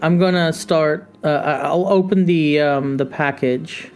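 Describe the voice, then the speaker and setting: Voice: medium pitch, a little slow, smooth, faint music behind. A player in a tabletop game, speaking hesitantly with many fillers while describing their character's actions. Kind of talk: casual tabletop play.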